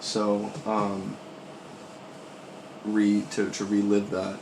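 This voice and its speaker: A man's voice: lowish voice, monotone, extremely slow, a little mellow. A man with a worn-out voice, recovering from being sick, rambles reflectively and casually as he recounts his dreams for a vlog, swearing now and then. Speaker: vlogger. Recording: roomy echo, faint background noise.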